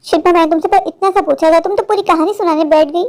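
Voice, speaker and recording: A frightened cartoon office worker, a husband, voiced by a woman with a very high, light voice. He sounds anxious and pleading, then snaps irritably at home. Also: steady tone, fast, darkish tone. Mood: irritable. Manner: anxious, pleading, irritable toward his wife.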